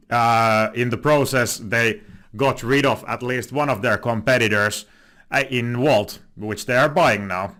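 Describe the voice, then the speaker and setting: The host of a casual finance commentary channel is a young man from Finland whose Finnish accent colors his mid-range, fairly bright voice. He leans on many "uh"s and frequently stops to restart or fix what he's said.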